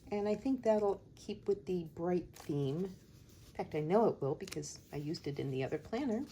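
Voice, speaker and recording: A woman chatting casually and thinking aloud in an unhurried, musing way as she hosts a planning session. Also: fairly low pitch, animated, mellow, slight background noise. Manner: unhurried, musing, talks to herself while working. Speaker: host of a planner decorating video.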